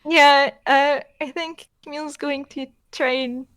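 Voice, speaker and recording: A woman's voice: sits high, steady tone, measured pace, fairly bright tone, no room sound. A woman playing a tabletop game, casually narrating what her character does.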